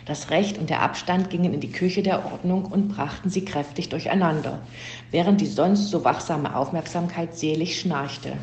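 A woman with a low, mellow voice reads a storybook aloud in a steady, even way. The room is echoey, and a faint hum runs underneath her. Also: moderate pace. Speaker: reader of a children's story. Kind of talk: scripted storybook narration.

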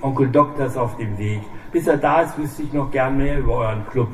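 A man voicing a calm, ruthless old gunman who threatens quietly. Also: mid-range voice, fairly quick, lightly acted. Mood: cold calm. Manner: quiet, soft-spoken menace. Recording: echoey room, distant mic, faint hiss.

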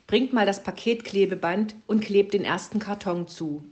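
A woman's voice: medium pitch, normal speed, a little mellow, dull audio, natural voice. A woman voicing a bossy male gnome who barks out commands in a children's story. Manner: barked commands.

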